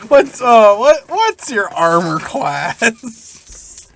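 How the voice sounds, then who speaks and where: A man running a tabletop game as game master, narrating the action with frequent laughs and quick asides. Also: extremely high pitch, sing-song, vocal fry, fairly bright tone.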